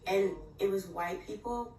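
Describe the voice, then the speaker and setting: A woman's voice: mid-range voice, a little slow, mellow, faint music behind. A woman telling an embarrassing story to camera in a confessional way. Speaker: clip storyteller. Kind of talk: casual short-video storytelling. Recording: echoey phone video from a distance, faint ambience.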